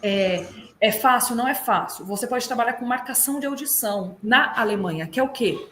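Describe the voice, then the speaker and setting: Brazilian woman coaching lively on a call. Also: fairly high pitch, fairly quick, slight background noise. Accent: Brazilian Portuguese. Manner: lively, explanatory, drills German sounds aloud. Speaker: migration consultant and German teacher. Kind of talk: advice on a video call. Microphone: video call.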